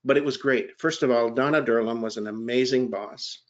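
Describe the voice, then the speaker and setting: A man in a panel talk winds through a long, self-deprecating career story, often circling back and restarting his sentences. His voice sits at an ordinary mid pitch. The sound comes through a dull, lo-fi line that has lost its crispness. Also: a little fast. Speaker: gemology writer and panelist.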